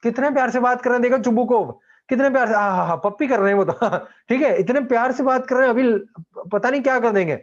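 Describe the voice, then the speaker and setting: An Indian man teaching a play, explaining it in Hindi and English and acting out the characters' lines. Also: very high-pitched. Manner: reads lines aloud slowly and acts out characters with laughs. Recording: dull lo-fi sound.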